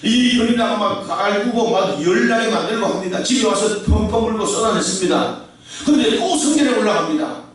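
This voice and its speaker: A man's voice: high-pitched, lively intonation, fairly quick. Male pastor, emphatic sermon delivery, strong church hall reverb. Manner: emphatic preaching, calls the congregation to say amen. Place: large echoey church sanctuary. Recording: very echoey hall, voice from far off the mic.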